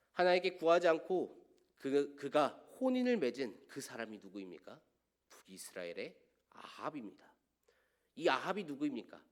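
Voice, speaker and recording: Earnest Korean male pastor preaching. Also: medium pitch. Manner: earnest preaching with rhetorical questions, swelling and dropping to quiet line endings. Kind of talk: sermon. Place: church sanctuary.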